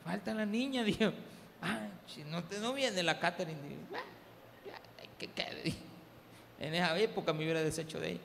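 A Salvadoran man preaches to his congregation, slipping into jokey anecdotes and calling out "hermano". His voice sits high with a rough, gravelly edge. The recording carries a long church-hall reverb over faint background noise. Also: a little fast, fairly bright tone. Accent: Salvadoran Spanish. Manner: humorous storytelling, addresses the congregation as "hermano". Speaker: pastor. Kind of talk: sermon with personal anecdotes. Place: church service.

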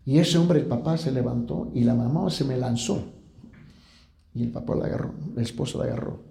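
A man, a pastor, preaching a testimony story, sometimes dropping to a hushed voice. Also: medium pitch, fairly quick, creaky. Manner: drops to a hushed voice at grave moments. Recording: echoey room.

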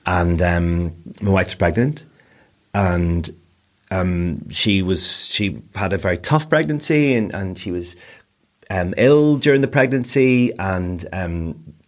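Low-voiced Northern Irish man, rambling. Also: slow pace. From Northern Ireland. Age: 40s. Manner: rambling, self-deprecating, frequent restarts. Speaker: guest, broadcaster and DJ. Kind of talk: casual interview chat.

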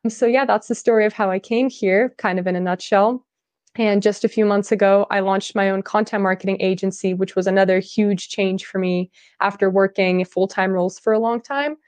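A woman's voice: medium pitch, steady tone, normal speed, a little mellow, no echo. A woman born in Russia and raised in California, speaking as a podcast guest, telling stories in a chatty way with lots of "like". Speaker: podcast guest, business owner. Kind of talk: casual podcast interview.

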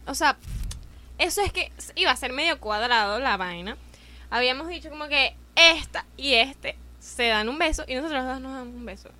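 A woman with a Venezuelan accent from Caracas, a podcast guest telling stories in casual, animated chat. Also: high voice, normal speed. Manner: animated, laughing storyteller.

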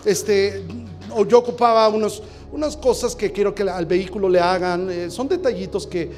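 Preacher guy, really high voice, acts out the dialogue then shouts it out, faint music behind. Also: normal speed. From Mexico. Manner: storytelling with acted dialogue, rising to shouted exhortation. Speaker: pastor. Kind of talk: sermon.

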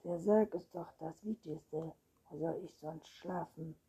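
A woman's voice: low-pitched, unhurried, warm tone, slightly rough, heavily acted, poor audio. A woman reading a storybook, voicing a friendly, cheeky young boy vampire. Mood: insistent.

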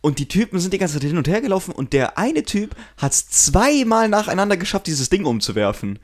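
A young man, co-hosting a podcast in casual chat, telling stories in a slangy, animated way. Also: sits high, brisk. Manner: slangy, animated storytelling with laughs. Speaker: podcast co-host.

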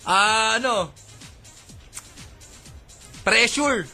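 A man's voice: high-pitched, lively intonation, extremely slow, bright, forceful tone, soft background music. A Filipino man hosting a casual radio chat and teasing his co-hosts playfully.

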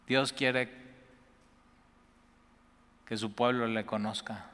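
A man preaching as pastor, his voice bright and forceful. He drops to a hushed prayerful hush for scripture, then rises into loud, excited exclamations. A long reverb hangs behind him in the church hall. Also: mid-range voice, takes it slowly. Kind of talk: sermon.

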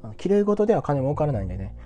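A man talks quickly and bluntly, his pitch swinging up and down as he chats. His voice is dark and mellow, with faint guitar music behind him. He sounds sure of himself and keeps it casual. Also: big pitch swings. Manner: blunt, self-assured, chatty with frequent tag particles. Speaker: entrepreneur giving career advice. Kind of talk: casual solo talk to viewers.

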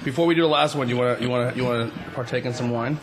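A hungover man hosting a casual tasting chat, struggling with spicy heat and repeating his phrases in a halting, jokey way. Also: medium pitch. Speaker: show host. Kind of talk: casual chat while tasting hot sauces. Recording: loud music behind the talk. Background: music.

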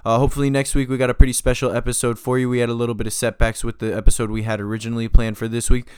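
A man's voice: mid-range voice, little pitch movement, rapid-fire, a little mellow, smooth, no echo, clean studio sound. A man hosting his own podcast, wrapping up in a casual, laid-back monologue full of "uh" and "yo". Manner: laid-back, loose, with many fillers like "uh" and "yo". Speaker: podcast host.

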